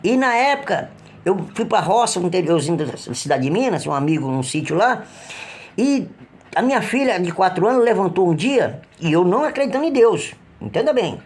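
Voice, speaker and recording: A middle-aged man with a Brazilian Portuguese accent giving an emotional personal religious testimony, halting and earnest, with frequent restarts. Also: sits high, very animated, slightly rough. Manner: halting, with repeated restarts and trailing phrases; earnest, pleading when retelling cries for help.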